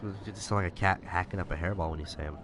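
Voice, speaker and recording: A man's voice: low voice, steady tone, racing, noisy background. A young man casually commenting while playing a video game, musing and trailing off mid-thought. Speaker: gameplay streamer. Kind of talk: casual let's-play commentary. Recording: loud game sounds behind the voice.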